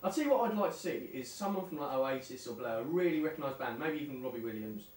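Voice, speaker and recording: A man's voice: medium pitch, lively intonation, quick pace. A young man hosting a casual chat show, jokey and rambling, laughing often. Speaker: radio show host. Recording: roomy, distant mic, faint hiss.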